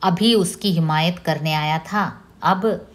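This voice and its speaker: A woman reading the part of an angry mother who has lost patience, giving sharp commands. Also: fairly low pitch, slow pace. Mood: scolding. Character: angry, scolding mother losing her patience.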